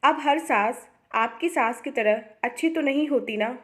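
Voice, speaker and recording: Woman doing a whiny spoiled sister-in-law from a storybook, high-pitched and grumbling, always resentful. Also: a little slow, natural voice. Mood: complaining. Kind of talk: storybook reading.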